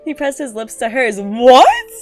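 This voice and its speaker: Her high voice swoops wildly up and down as she reads fan fiction a bit slowly, soft music playing underneath. The young non-native English speaker streams her reactions casually, full of slang, cursing, giggles and exasperation.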